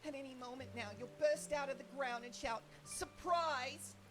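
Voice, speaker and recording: A woman's voice: high-pitched, normal speed, natural voice. A woman voicing a small, earnest young female would-be inspector in a theatrical fan dub of game dialogue, with game music behind. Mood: tearful. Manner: theatrical, dramatic sighs and sobs. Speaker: fan voice actor.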